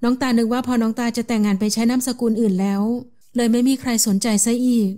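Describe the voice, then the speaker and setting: A woman's voice: a little high, steady tone, quick pace, mellow, natural voice. A woman voicing a playful young woman, the younger sister, in an audiobook novel. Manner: playful, teasing. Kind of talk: audiobook character voice.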